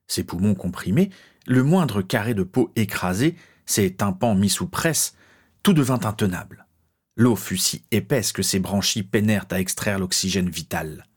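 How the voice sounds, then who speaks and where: A man narrating a fantasy story as an audiobook, measured and dramatic. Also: lowish voice, a little mellow, husky.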